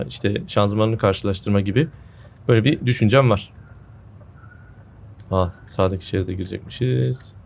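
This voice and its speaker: Low-voiced man, slightly sick-sounding. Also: gravelly, a little mellow, a little hiss or hum. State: sick with a sore throat, voice a bit off. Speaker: gaming video host. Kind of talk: casual gameplay commentary. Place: indoor room at home.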